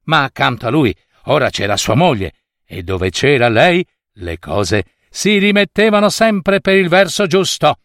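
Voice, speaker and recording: Lively male fairy-tale storyteller. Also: on the high side, measured pace, dry recording, clean studio sound. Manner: expressive, playful storytelling. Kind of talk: reading a fairy tale aloud.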